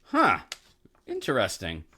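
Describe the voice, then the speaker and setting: A man's voice: medium pitch, wildly swooping pitch, slow, pushed and bright, breathy edge. A man hosting a podcast in casual chat, easygoing, asking his co-host questions. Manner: easygoing, asks questions, laid-back.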